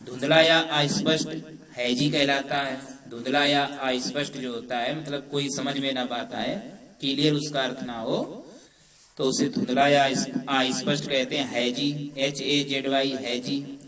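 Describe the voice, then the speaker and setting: A man teaching English vocabulary in a coaching class, dictating spellings slowly and deliberately. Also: mid-range voice, fairly even intonation, a bit bright. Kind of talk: vocabulary lesson, spelling words letter by letter. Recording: roomy echo from far off mic.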